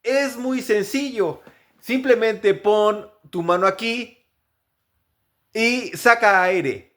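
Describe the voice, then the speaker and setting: A man teaching English pronunciation, repeating each example word slowly several times. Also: high-pitched. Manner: upbeat, animated sign-off. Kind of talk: pronunciation lesson.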